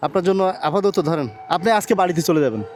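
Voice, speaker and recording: A man with a Bangladeshi Bengali accent chatting on a city street outdoors, asking quick, coaxing, reassuring questions. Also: sits high, soft background music. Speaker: charity vlogger interviewing a street seller. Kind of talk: casual street conversation.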